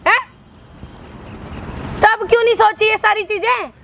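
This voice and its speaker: A woman's voice: very high-pitched, steady tone, measured pace, gravelly, a bit bright, slight background noise, exaggerated voice. A woman playing a bossy blackmailing mistress. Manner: bossy, taunting, switches to coaxing. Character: scheming pregnant woman blackmailing her employee into marriage. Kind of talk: scripted short drama.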